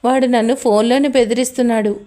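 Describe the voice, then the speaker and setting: A woman's voice: a little high, fairly even intonation, fast talker, mellow, close to an everyday voice. A woman voicing a worried young man in an audio story, speaking in a troubled, earnest way.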